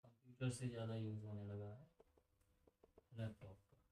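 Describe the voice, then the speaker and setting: A man's voice: on the low side, flat delivery, normal speed, warm tone, reverberant, far from the mic, a little hiss or hum, rough recording. A man teaching a computer lesson in a casual, chatty way, asking his students questions and drifting into side stories.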